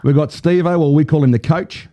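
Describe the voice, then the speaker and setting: A man's voice: fairly high pitch, fairly quick, mellow. A man with an Australian accent giving casual football commentary as a panellist on a sports show.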